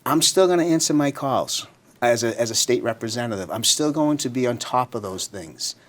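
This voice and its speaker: A man's voice: mid-range voice, animated, moderate pace. A man speaking as a local politician being interviewed, informal and conversational with frequent filler phrases. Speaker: city councilor running for state representative, interview guest.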